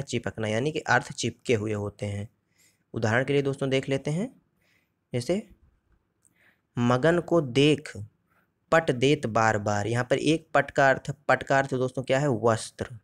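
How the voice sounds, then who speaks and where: A man teaching an exam-prep grammar lesson in a mid-range voice that sits at an ordinary height for a man. He explains each point step by step, puts questions to his listeners and answers them himself. When he quotes verse, he slows down and recites it deliberately. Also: mid-range voice. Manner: recites verse examples slowly.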